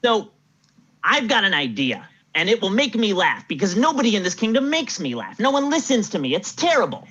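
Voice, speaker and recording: A woman playing a grumpy, bored king who whines and complains, with a husky voice. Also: mid-range voice, sing-song, a little fast, a bit bright. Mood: sulky. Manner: whiny, sulky complaining. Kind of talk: improvised comedy acting. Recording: dull lo-fi recording.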